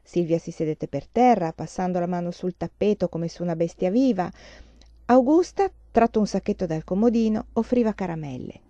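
A woman reading a novel aloud in a calm, measured way, on a slightly dull lo-fi recording. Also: on the low side, no echo. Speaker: audiobook reader. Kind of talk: literary audiobook narration.

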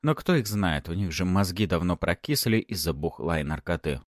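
A man's voice: deep voice, expressive, normal speed, no room sound, studio quality. A man narrating a first-person audiobook in a sardonic, mocking tone.

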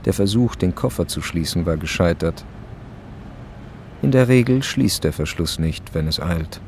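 A man narrating a radio play in a calm, measured storytelling voice. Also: sits low, slight background noise. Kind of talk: scripted narration.

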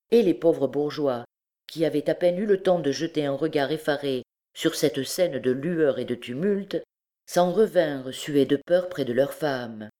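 A woman reading a classic novel aloud, in steady, measured narration. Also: deep voice. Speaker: audiobook reader.

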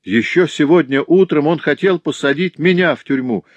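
A man's voice: on the high side, normal speed, dry recording, highs cut off, pitched above the performer's own voice, natural voice. A man voicing a grief-stricken, furious artisan father in an audiobook reading. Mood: bitter. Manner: anguished shouting, bitter outbursts. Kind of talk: audiobook character voice.

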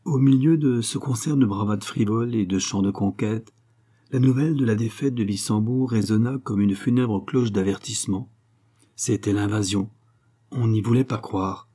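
A man reads a classic novel aloud as an audiobook narrator. His voice is husky and dark, and his delivery is measured and literary. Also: lowish voice. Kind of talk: scripted narration.

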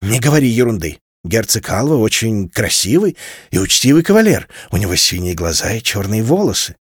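A man's voice: lowish voice, very animated, brisk, husky, no echo, studio quality. A man voicing a strict, curt mother, a captain's wife, in an audiobook. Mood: stern. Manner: curt, commanding.

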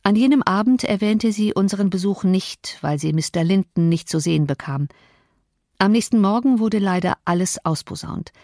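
A woman reads an audiobook in scripted narration, her medium-pitched storytelling measured and even. The sound is clean and studio-like, with no room sound.

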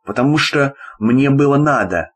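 A man's voice: mid-range voice, animated, normal speed, natural voice. A man reads the part of a stern middle-aged boss, dry and blunt, who lectures his young worker in a plain, level storybook voice. He keeps the sarcasm understated rather than theatrical. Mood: lecturing.

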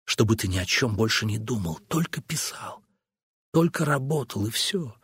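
A man voicing a scornful, bitter middle-aged wife in an audiobook, mocking and scolding in a husky, breathy voice. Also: on the high side, expressive, normal speed, a little mellow, no echo, studio quality, pitched above the performer's own voice. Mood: hurt. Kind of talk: audiobook character voice.

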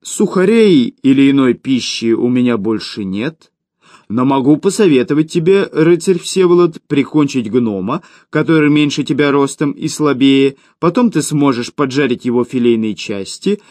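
A calm, serious invisible spirit with a dark, dry wit, as a man puts him on. The voice is lively in pitch, and the storybook reading sounds dry and close. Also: normal speed, dry recording, natural voice. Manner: calm, serious, dryly mocking.

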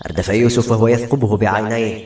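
Brisk male audiobook narrator. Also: on the low side. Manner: brisk, even storytelling. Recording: roomy echo.

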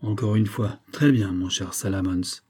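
A man's voice: lowish voice, a little slow, mellow, slightly rough. A man reading the part of a scheming middle-aged major, insistent and coaxing.

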